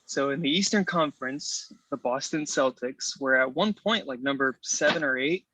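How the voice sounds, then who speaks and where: Jokey podcast guest host, dry sound. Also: male voice, medium pitch, normal speed, sharp tone, dry recording, poor audio. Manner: jokey and playful. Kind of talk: casual podcast chat.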